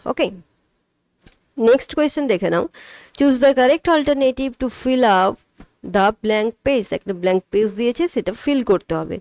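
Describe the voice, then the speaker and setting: A woman's voice: fairly high pitch, no room sound. Woman tutoring English, dry close sound. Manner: explains step by step, asks and answers her own questions, reads English items slowly. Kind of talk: spoken exam-prep lesson.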